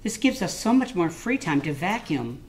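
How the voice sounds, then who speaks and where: A woman's voice: fairly low pitch, sing-song, normal speed, a little mellow, slight background noise. A woman co-hosting a comedy cooking show, teasing her partners with puns while she cooks in a kitchen. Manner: teasing, playful, prone to puns. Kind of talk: jokey scripted-feeling banter while cooking.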